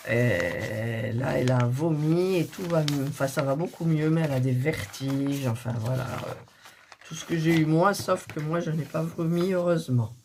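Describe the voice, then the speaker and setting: A middle-aged woman, hoarse and recovering from a cough, chatting softly and thinking aloud as she unboxes cross-stitch kits. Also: low-pitched, normal speed, slight background noise. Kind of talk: casual unboxing chat.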